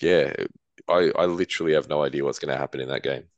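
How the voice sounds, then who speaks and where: A man with a very deep voice chatting casually on a sports podcast. He talks in a loose, relaxed way, full of fillers. The sound is dry and close. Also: quick pace, no echo, highs cut off. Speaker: podcast co-host. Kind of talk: casual chat.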